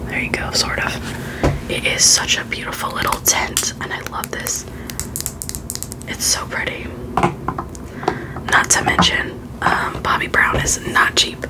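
A woman vlogger whispering in a soft, unvoiced ASMR style, chatting informally and giving frank opinions. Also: a little slow, long pauses, rough recording. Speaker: beauty vlogger. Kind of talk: whispered ASMR, casual product chat.

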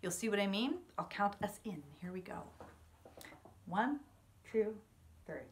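A woman's voice: medium pitch, fairly quick, background noise. A woman in her thirties giving a casual, encouraging music lesson at home, explaining a practice exercise step by step. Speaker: horn teacher. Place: medium-sized living room at home, indoors. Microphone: camera or laptop mic about a metre away.

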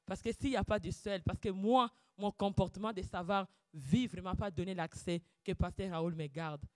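A woman giving a fervent preaching testimony, breaking into loud shouted calls of praise and dropping to quiet, low asides. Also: normal speed, no room sound, clean studio sound. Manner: drops to quiet, low asides between outbursts. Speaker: church speaker giving testimony.

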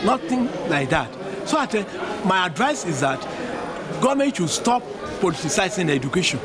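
A man's voice: high voice, big pitch swings, moderate pace. An older man in his sixties, an educationist giving his views in an outdoor street interview, speaking earnestly with frequent restarts and repeated phrases. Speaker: educationist interviewed in a vox pop. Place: outdoors by a school building. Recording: crowd noise loud behind. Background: loud crowd chatter.

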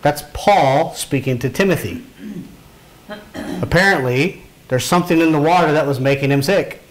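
Man teaching a relaxed Bible class. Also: fairly high pitch, moderate pace. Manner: conversational, asks the class questions. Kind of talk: informal Bible lesson to a class.

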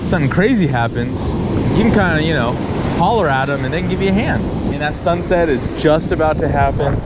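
A man's voice: fairly high pitch, brisk. A man from California narrating casually to camera while surf fishing, laid-back in tone. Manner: laid-back, excitable when a fish bites. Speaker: fishing vlogger. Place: windy beach by loud surf, outdoors. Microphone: chest-mounted action camera. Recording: loud wind and crashing waves.

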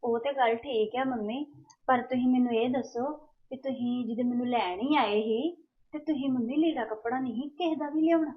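A woman playing a timid young bride in a home-made family drama. She pleads softly and anxiously in a fairly high voice, and the sound is thin and tinny, as though heard over a phone line. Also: normal speed, close to an everyday voice. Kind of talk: amateur family drama acting.

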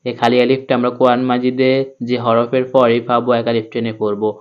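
A man's voice: mid-range voice, level tone, lo-fi sound. Man teaching Quran letter by letter. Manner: spells letters slowly, then chants the verse. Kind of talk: step-by-step recitation lesson.

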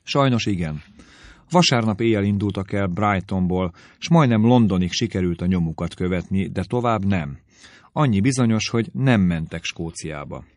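A man's voice: deep voice, expressive, darkish tone, no room sound, clean studio sound. A male audiobook reader voicing a distressed young woman with an urgent, pleading delivery. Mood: anxious.

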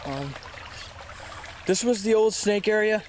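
Higher-voiced man vlogging outdoors, noisy recording. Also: animated, takes it slowly. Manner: informal, exclamatory, sweary, addresses viewers as "you guys". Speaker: host of amateur snake-catching vlog. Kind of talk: casual outdoor wildlife vlog chat. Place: outdoors by a creek in weedy woods. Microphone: handheld camera held by the speaker. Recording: noisy outdoor handheld camera audio.

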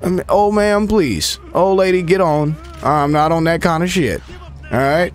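A young man swearing, trash-talking and shouting at characters while commentating his gameplay. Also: on the high side, moderate pace. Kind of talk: profane running commentary over gameplay.

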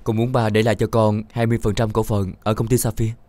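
A man's voice: fairly low pitch, flat delivery, fast talker, warm tone, dry recording, close to an everyday voice. An actor playing a grown son who firmly asks his father for company shares.

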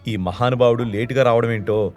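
A man's voice: mid-range voice, fairly even intonation, brisk, a little mellow, soft background music, natural voice. A man voicing a polite female receptionist who grumbles under her breath.

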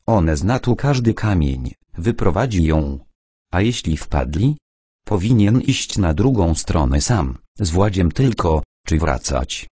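A man reading a war novel aloud as an audiobook narrator, with dramatic, expressive delivery. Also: low-pitched, slow, breathy edge, dry recording, clean studio sound.

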